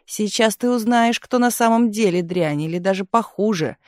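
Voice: mid-range voice, moderate pace, darkish tone, no room sound, pitched above the performer's own voice, lightly acted. A reader voicing a stern older hospital nanny, curt and scolding, in a dry studio recording.

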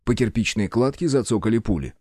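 A man narrating an action story in a measured, dramatic reading. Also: on the low side, lively intonation, a little mellow, husky, no echo, clean studio sound. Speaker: audiobook narrator. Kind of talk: scripted narration.

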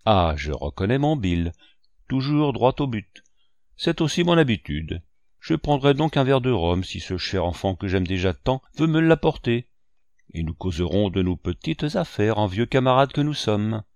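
Audiobook: sugary, mocking old pirate read by a man, sly and lively, dry close sound. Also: fairly low pitch, normal speed, no room sound. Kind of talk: audiobook character voice.

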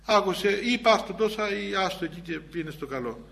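A priest putting on a shrugging shopkeeper. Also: male voice, high-pitched, animated, gravelly, fairly bright tone, full character voice. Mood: dismissive. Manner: dismissive, take-it-or-leave-it. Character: offhand, indifferent male shopkeeper haggling.

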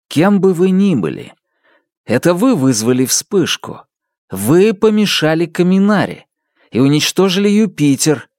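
A man's voice: a little high, no room sound, clean studio sound, voice pushed up. A man reading aloud, voicing a defiant, earnest young man who is a detective in a storybook. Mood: accusing.

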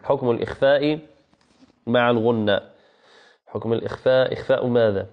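A man teaching a Quran recitation lesson, patiently repeating key phrases and chanting verses slowly. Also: medium pitch, steady tone, highs cut off. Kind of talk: online tajweed lesson.

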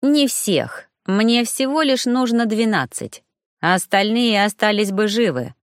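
A woman's voice: mid-range voice, expressive, a little slow, clean tone, no room sound, clean studio sound, natural voice. A woman reading the part of a scheming male sorcerer villain, drawling and coldly mocking.

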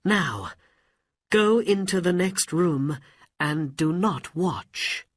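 A man's voice: high-pitched, animated, very slow, no room sound, pitched above the performer's own voice, full character voice. A man voicing a brave young male hero who speaks firmly and commandingly.

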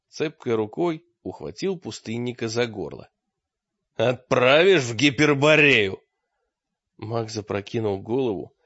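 A man narrating a fantasy adventure audiobook with a steady, dramatic reading. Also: mid-range voice, no room sound. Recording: dry, dull lo-fi audio.

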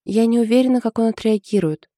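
A woman's voice: fairly high pitch, fast talker, mellow, no room sound, clean studio sound, voice pushed up, natural voice. A woman voicing an anxious young woman in love, confiding in a hesitant way.

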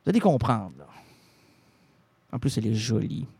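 A man hosting a web show, talking in a playful, improvised way full of wordplay and sudden swoops in pitch. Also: big pitch swings, normal speed, creaky, dark tone, breathy edge, no room sound.

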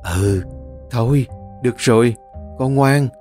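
A man voicing a frail elderly mother in an audiobook, speaking in a soothing, unhurried way. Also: medium pitch, dark tone, soft background music, close to an everyday voice. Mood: tender. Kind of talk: audiobook character reading.

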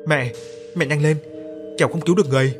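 A man's voice: mid-range voice, quick pace, over music, natural voice. A man reading the part of a kind young woman in hospital, pleading and anxious.

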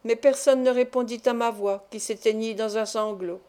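Mellow-voiced woman narrating a classic novel. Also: on the high side, fairly even intonation, moderate pace. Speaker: audiobook narrator. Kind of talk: literary audiobook narration.

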